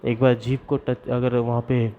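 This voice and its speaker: A man teaching Sanskrit grammar, reciting the formulas slowly and deliberately and explaining where each sound is made in the mouth. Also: medium pitch, level tone, slight background noise. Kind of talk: classroom lesson. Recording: dull lo-fi recording.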